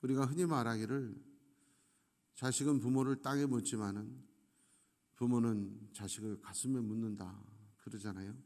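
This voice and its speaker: A middle-aged male pastor gives an earnest sermon at a mid pitch. He slows down and leans on key phrases. His voice rings out through a large, echoing church sanctuary. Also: steady tone, darkish tone. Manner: earnest preaching with slow, emphatic pauses. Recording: echoey church hall.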